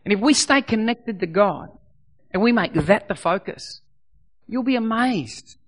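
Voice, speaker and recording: Preaching unhurriedly in an animated, high voice, this middle-aged man's sermon has a bit of croak to it. He drives his points home with emphasis and repetition, then drops to a soft tone for prayer.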